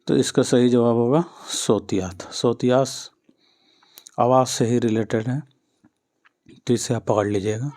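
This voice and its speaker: A man's voice: medium pitch, fairly even intonation, long pauses, darkish tone. A male teacher giving an exam-prep lesson, patiently repeating each answer and speaking straight to his students.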